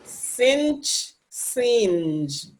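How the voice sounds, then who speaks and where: A woman's voice: on the high side, big pitch swings, very slow, a little mellow, poor audio. A woman student carefully reading pronunciation drill word pairs aloud, one word at a time.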